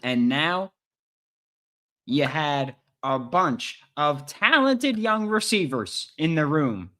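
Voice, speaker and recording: A man hosting a live sports podcast, talking in an excitable, hype-driven way and repeating lines for emphasis. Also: fairly high pitch, slow pace. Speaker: podcast host. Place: recording in England.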